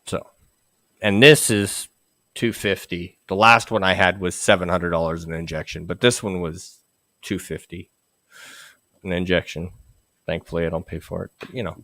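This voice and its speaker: A man's voice: low voice, steady tone, bright, forceful tone, no room sound. A man talking casually as a guest, often restarting his sentences. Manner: halting, many restarts. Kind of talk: casual chat.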